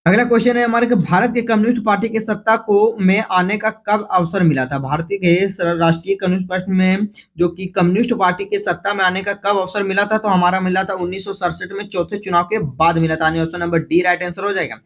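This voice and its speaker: High-pitched guy with a jharkhand hindi accent rattling off mcq answers, repeats every question, keeps correcting himself. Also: steady tone, a bit bright. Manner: repeats each question, then announces the option letter; hurried, with frequent restarts and self-corrections. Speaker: exam prep teacher. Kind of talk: quick-fire multiple-choice quiz review.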